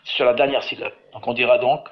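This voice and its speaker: A man's voice: mid-range voice, fairly even intonation, a little fast. Man teaching over a video call. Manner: patient, corrects reading syllable by syllable. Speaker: biblical Hebrew teacher leading a webinar. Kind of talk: online class, calling on students. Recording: slightly dull online audio with faint noise.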